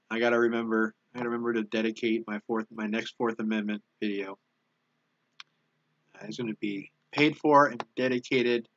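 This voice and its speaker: Reading viewer donations on a YouTube live stream, a man chats casually in a lowish voice with a fairly bright tone. He's easily touched by the donations, and he stops and restarts his sentences often. The highs in the audio are cut off.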